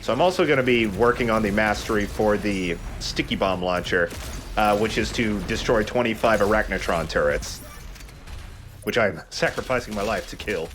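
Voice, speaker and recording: A man with a lowish voice, talking at a normal speed, hosts a let's play, cracking jokes and swearing casually while gaming with friends. Faint background noise can be heard.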